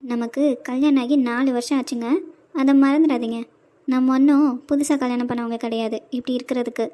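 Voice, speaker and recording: Lady doing a shy playful cartoon wife, high voice. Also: steady tone, brisk, mellow, lightly acted. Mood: coy. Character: shy, teasing young wife.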